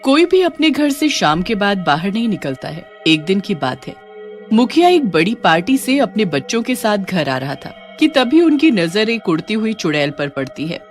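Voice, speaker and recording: A woman giving scripted narration of an animated horror story in a steady, dramatic manner. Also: medium pitch, normal speed, soft background music.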